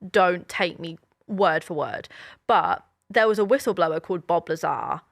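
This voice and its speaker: A woman's voice: lowish voice, animated, moderate pace, creaky, no echo, studio quality. A woman in her twenties, co-hosting a podcast and telling stories in a chatty, rambling way full of fillers. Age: 20s. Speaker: podcast co-host. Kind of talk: casual chat.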